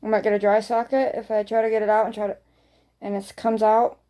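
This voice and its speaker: A woman's voice: mid-range voice, level tone, quick pace, dull audio. A woman vlogger chatting casually to her viewers in a rambling way, often repeating phrases for emphasis.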